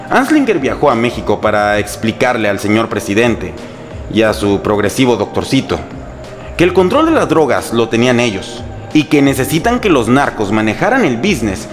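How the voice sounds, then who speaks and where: A man with a Mexican accent serves as host and narrator, reading a history script in a humorous, sarcastic and colloquial storytelling style. His medium-pitched voice is very animated and a little fast. A music bed runs under his voice in the background.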